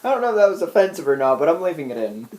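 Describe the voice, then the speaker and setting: A man co-hosting a casual movie podcast, playful and quick to laugh. His voice sits a bit higher than most men's. He rambles along loosely as the talk goes on. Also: sing-song, a little mellow. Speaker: podcast co-host.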